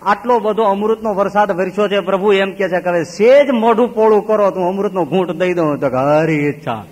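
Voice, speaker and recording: A man preaching a sermon as a swami, telling stories with animated swings between loud exclaims and low murmurs. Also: brisk. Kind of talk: Gujarati sermon with storytelling. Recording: long reverb of a hall.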